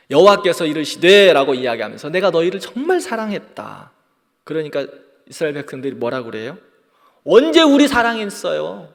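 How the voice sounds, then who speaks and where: Animated man teaching a church Bible class. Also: a little high. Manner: leads group reading, acts out quoted retorts. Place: church hall. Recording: long hall reverb.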